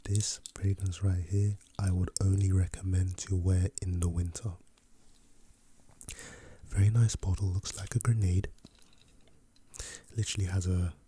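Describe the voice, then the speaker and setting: A man playing a laid-back, chatty fragrance salesman in a soft, breathy ASMR role-play for ASMR, with an unhurried, casual patter. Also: low-pitched, little pitch movement, slight background noise.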